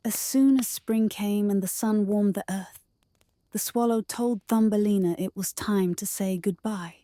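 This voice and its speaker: Woman, bedtime storyteller, soft breathy tone, gentle and soothing delivery, relaxed dark timbre, very dry sound. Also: mid-range voice, measured pace, no echo. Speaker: storyteller reading a fairy tale aloud.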